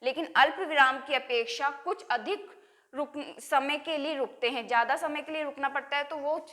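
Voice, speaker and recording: A woman teacher runs a grammar lesson for her students. She poses questions and answers them herself in a bright, high, sharp voice. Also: normal speed. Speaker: school teacher.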